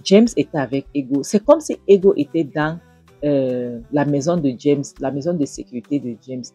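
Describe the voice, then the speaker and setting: A woman's voice: deep voice, lively intonation, moderate pace, warm tone, breathy edge, no echo, faint music behind. A woman retelling a film scene by scene in a chatty way, talking straight to her viewers and repeating phrases. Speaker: film recap reviewer.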